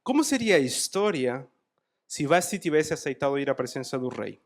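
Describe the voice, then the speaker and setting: Animated male preacher telling a Bible story. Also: medium pitch, moderate pace. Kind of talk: sermon retelling a Bible story. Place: church.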